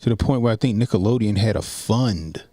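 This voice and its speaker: A commentary streamer in his forties reacts to a video in a casual stream, talking loosely, profanely, and ramblingly with plenty of slang. His voice sits on the low side, a little fast and mellow, with no echo.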